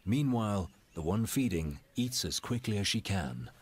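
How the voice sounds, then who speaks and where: A man with a low voice narrates a wildlife documentary. His delivery is measured and dramatic, with deliberate pauses and very varied intonation. Wild ambience and animal sounds are clearly audible behind him. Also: expressive, background noise.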